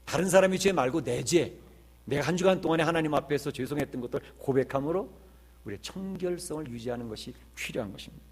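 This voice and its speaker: A man's voice: fairly high pitch, expressive, fast talker, breathy edge. A male pastor preaching a sermon in an earnest way, with emphatic swells and rhetorical questions.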